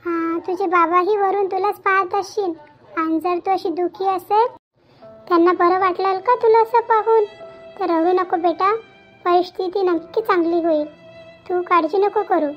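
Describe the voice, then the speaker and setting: A woman voicing an aging widowed mother in a cartoon, gentle and comforting. She talks in a soothing, motherly way. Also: extremely high pitch, fairly even intonation, unhurried. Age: older. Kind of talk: Marathi cartoon voice acting. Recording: dull lo-fi with faint background music.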